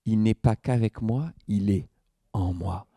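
Middle-aged male pastor, lively church sermon, dark mellow tone, dry close mic. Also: unhurried, creaky, no echo. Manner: lively preaching, pitch swings up for emphasis, asks the congregation questions.

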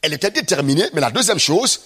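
A man's voice: a little high, very animated, quick pace, fairly bright tone, slightly rough. A man preaching a sermon, acting out scenes from the Bible and asking the congregation rhetorical questions.

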